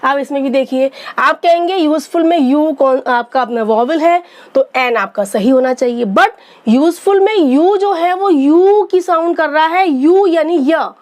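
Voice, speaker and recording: A woman's voice: high voice, expressive, unhurried, darkish tone. A woman teaching English grammar in a patient lesson, asking and answering her own questions and repeating points. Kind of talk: explanatory lesson.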